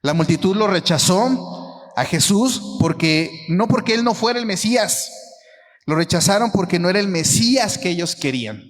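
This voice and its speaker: A male pastor with a Mexican accent delivers a sermon in a fairly high voice, pressing his points by repeating phrases. His words ring out with the long reverb of a church hall. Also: expressive, moderate pace. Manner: emphatic, repeats phrases for stress.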